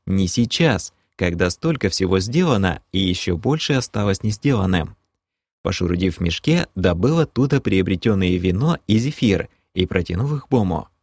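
A man's voice: sits low, no room sound, clean studio sound. A man narrating a first-person fantasy audiobook in a wry, ironic storytelling manner.

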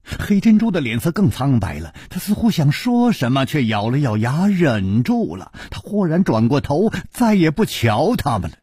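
A man narrating a martial arts novel audiobook in an animated, theatrical way into a close studio mic. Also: on the high side, moderate pace, breathy edge, no echo. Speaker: storyteller.

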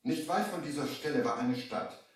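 In a dramatic 1970 audio play, a male actor narrates gravely as an earnest Baghdad merchant recounting his adventure. His voice is a bit high and near everyday in quality, with lively intonation at a normal speed. Taken from an echoey vintage LP, he sounds far from the mic.

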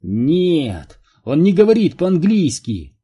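Guy doing a loud cocky young dude, higher than his own voice, husky. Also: big pitch swings, slow pace, heavily acted. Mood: excited.

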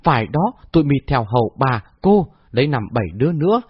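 Give me a fierce old owl-queen, as a man reads her out, shouting orders in a husky voice. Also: medium pitch, big pitch swings, fairly quick, dry recording. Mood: commanding. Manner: shouting, abusive. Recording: dull lo-fi dry recording.

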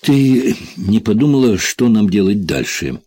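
A man's voice: lowish voice, big pitch swings, unhurried, dark tone, slightly rough, full character voice. A man voicing a plain-spoken male criminal accomplice in an audiobook. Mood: matter-of-fact.

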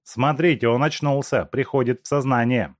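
Reading aloud, a man voices a stern middle-aged asylum director, a doctor who answers firmly and curtly. The character sits in a mid-range, near-everyday register pitched above the performer's own voice, at normal speed, in studio quality with no echo.

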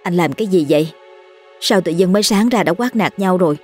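Woman playing a protective mother, anxious questioning, lowish voice. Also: fairly quick, darkish tone, husky, soft background music. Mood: indignant.

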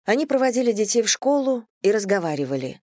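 A woman narrating an audiobook in a steady storytelling manner. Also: mid-range voice, quick pace, no echo, clean studio sound. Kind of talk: scripted narration.

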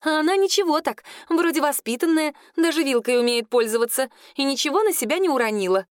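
A woman's voice: expressive, fast, no echo, clean studio sound. A woman reading an audiobook, voicing a jealous, accusing young serving girl. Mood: excited. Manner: accusing, shrill and tearful. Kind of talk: audiobook character voice.

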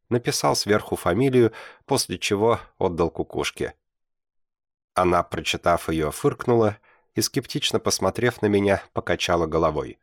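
A man narrating a first-person audiobook in a measured, deliberate reading, with blunt slang. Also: sits low, no echo, studio quality.

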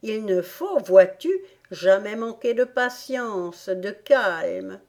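A woman's voice: mid-range voice, animated, takes it slowly, darkish tone. A woman voicing a preachy old mother crab lecturing her daughter.

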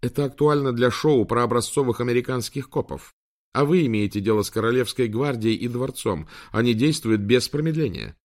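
A man voicing a calm, polite male AI assistant with a British accent, speaking precisely and unflappably. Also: medium pitch, brisk, voice pushed up, close to an everyday voice. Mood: calm, instructive.

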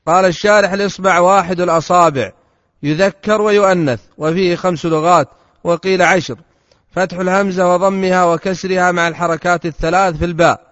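A man with a high voice reads a classical text aloud in steady, formal recitation. His voice sounds close and dry, yet the dull recording carries a long reverb tail. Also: brisk. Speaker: student reading the text aloud.

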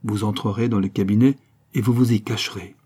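A man's voice: fairly low pitch, fairly even intonation, fairly quick, dark tone, slightly rough. A man reading an audiobook, voicing a proud and resolute young Spanish noblewoman who pleads earnestly and speaks firmly. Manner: earnest and pleading, then firm.

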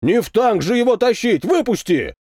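A man voicing a young, boastful tank captain who talks roughly and loudly. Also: high voice, very animated, normal speed, dry recording, studio quality, pitched above the performer's own voice. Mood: shouting. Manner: rough-spoken, boastful, loud.

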